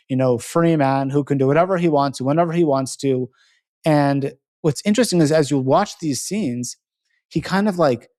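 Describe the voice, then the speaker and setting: A man's voice: a little high, darkish tone. A man hosting a podcast who talks casually and rambles a little, filling his speech with "like" and "you know" and correcting himself as he goes. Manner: chatty, lots of "like" and "you know", self-correcting. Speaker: podcast host.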